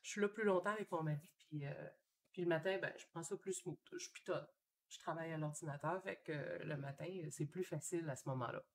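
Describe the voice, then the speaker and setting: A woman's voice: low voice, a little fast, a little hiss or hum. A woman with a Québécois French accent, chatting casually and thinking aloud while she paints live from her home studio. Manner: chatty and relaxed, thinking aloud with many fillers. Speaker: painter hosting a live stream.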